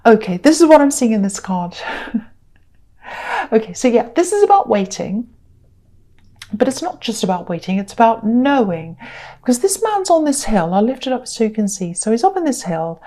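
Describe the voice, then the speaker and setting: A woman giving a casual tarot reading to camera, unhurried and repetitive with many ums, tired and speaking through a sore throat. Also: a little high, sing-song, dark tone. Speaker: tarot reader.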